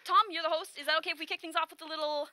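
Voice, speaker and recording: A woman's voice: extremely high pitch, fairly even intonation, very fast, sharp tone, no room sound, clean studio sound. A woman co-hosting a playful science live stream, upbeat and giggly as she explains experiments. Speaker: science show co-host.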